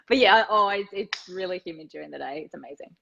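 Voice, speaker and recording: A woman's voice: lowish voice, lively intonation, quick pace, gravelly, a bit bright. A woman in her thirties from Finland, a podcast guest telling her life story in an earnest way and often repeating words as she thinks. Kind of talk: personal story interview. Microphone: remote call. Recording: dull lo-fi call audio.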